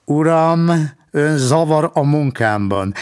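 A man's voice: a little high, animated, darkish tone, smooth, pitched above the performer's own voice, natural voice. A man playing a pompous, officious traffic cop. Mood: stern. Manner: officious, stern, formal. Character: stiff, pompous male traffic policeman.

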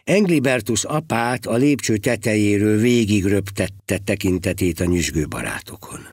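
Husky, lively male storyteller. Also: on the low side, no room sound, studio quality. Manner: expressive, dramatic reading. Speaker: narrator. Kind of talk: audiobook storytelling.

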